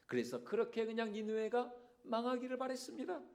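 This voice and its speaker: Male pastor at the pulpit, higher-pitched voice, lively Sunday sermon delivery. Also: brisk. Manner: animated, asks the congregation rhetorical questions. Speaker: senior pastor. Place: church sanctuary.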